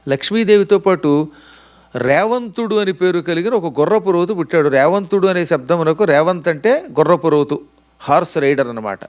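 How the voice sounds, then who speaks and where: A man giving a religious discourse, telling sacred stories with animated dialogue and slowly chanted verses. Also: high-pitched. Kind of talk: storytelling sermon. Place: lecture venue in the US.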